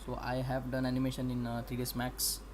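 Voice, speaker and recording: A young man with an Indian English accent, an animation student thinking aloud while he works. He talks haltingly, with many pauses as he explains. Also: medium pitch. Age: young adult. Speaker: animation student streaming practice. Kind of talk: casual think-aloud livestream. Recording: steady background noise.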